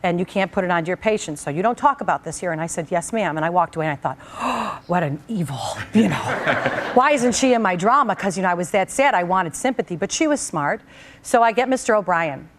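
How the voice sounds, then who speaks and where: Lower-voiced woman telling a heartfelt story. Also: a little fast, a little hiss or hum. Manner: animated storyteller, acts out quoted voices. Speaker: talk show host. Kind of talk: personal storytelling on a talk show.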